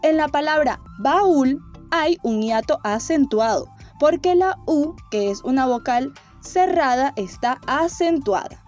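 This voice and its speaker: A woman teacher giving a grammar lesson to children, explaining slowly and clearly with playful images. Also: high-pitched, lively intonation, a little mellow, lo-fi sound, faint music behind.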